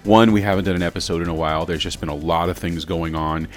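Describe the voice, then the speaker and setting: Upbeat man, very low voice. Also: fairly even intonation, fast talker, soft background music. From Southern United States. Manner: upbeat, joking, self-promoting. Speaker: podcast host. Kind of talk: podcast interview.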